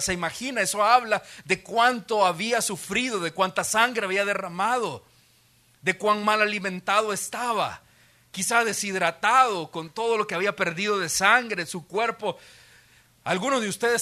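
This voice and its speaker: Man, pastor, sermon, high voice, bright tone, vivid storyteller, church auditorium. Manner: vivid storytelling, acts out quotes.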